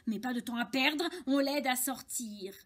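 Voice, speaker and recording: A woman reading a children's story aloud, slow and expressive, with playful asides. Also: sits high.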